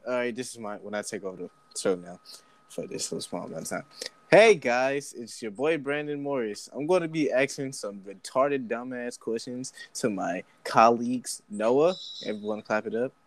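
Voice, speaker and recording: A man's voice: mid-range voice, moderate pace, dry recording. A young man hosting a casual group chat, joking around, swearing freely and bossing the questions along. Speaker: segment host asking questions.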